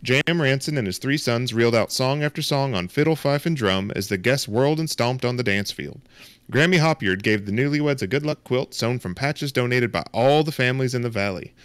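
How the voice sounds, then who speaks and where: A man's voice: mid-range voice, brisk, a bit bright, smooth, dry recording, pitched above the performer's own voice, natural voice. A man playing a folksy mountain-country storyteller, reading scripted narration aloud in a put-on Southern accent. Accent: put-on American Southern. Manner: drawling, declaiming read-aloud narration.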